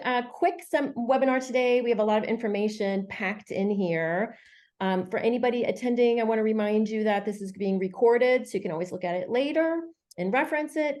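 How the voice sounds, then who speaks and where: A woman's voice: medium pitch, darkish tone. A woman hosting an online webinar in a chatty, friendly way, with many fillers. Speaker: webinar host.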